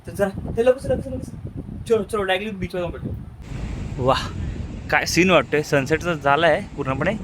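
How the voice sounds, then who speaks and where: High-voiced man with vlogging. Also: normal speed, long pauses, background noise. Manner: teasing, playful talk to his child, drops to quiet asides to camera. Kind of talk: casual family vlog chat.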